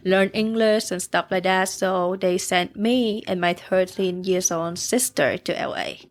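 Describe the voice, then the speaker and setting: Unhurried and fairly even in intonation, a young woman from Vietnam speaks at a medium pitch. She owns a bakery and shares her story in a relaxed podcast interview, her thick Vietnamese accent coming through in simple broken English peppered with fillers.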